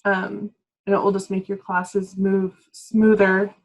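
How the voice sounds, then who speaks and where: A woman's voice: mid-range voice, monotone, takes it slowly, rough recording. A woman leading a staff training session over a video call, explaining step by step in a patient, casual way. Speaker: workshop presenter.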